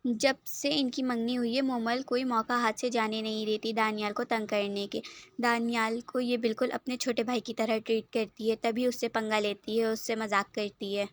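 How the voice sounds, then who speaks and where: A woman's voice: a little high, flat delivery. A woman reading her own story aloud, chatting and explaining to her listeners.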